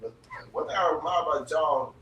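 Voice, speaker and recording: A man in his thirties hosting a casual group podcast chat, talking animatedly with slang and quick interjections. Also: on the high side, pushed and bright, muffled recording. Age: 30s. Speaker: podcast host. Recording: echoey room, mic at a distance, faint noise.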